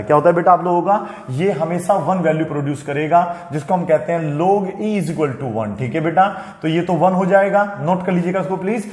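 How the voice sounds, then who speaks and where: A man's voice: high voice, a little mellow. Patient male maths teacher, echoey room. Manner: patient, repeats "okay, beta" to students. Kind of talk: classroom maths lesson. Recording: echoey room with long reverb.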